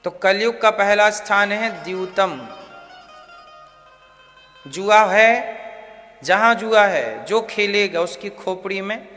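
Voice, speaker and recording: A man preaching a devotional story in a high, bright voice. He speaks slowly, puts questions to the crowd and answers them himself. His voice rings with a long hall reverb, and soft music plays underneath. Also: animated. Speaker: religious storyteller.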